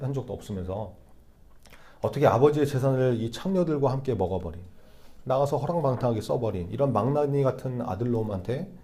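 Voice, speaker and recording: A preacher voicing an indignant elder son. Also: male voice, mid-range voice, dark tone, lightly acted. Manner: indignant, complaining. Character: resentful grown elder son arguing with his father. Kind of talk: acted quote in a sermon.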